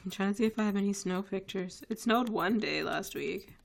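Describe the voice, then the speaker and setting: With a mid-range, creaky voice and a brisk pace, this young woman rambles through a casual live stream from her living room, using lots of fillers. French is her first language, and she uses a headset with a webcam.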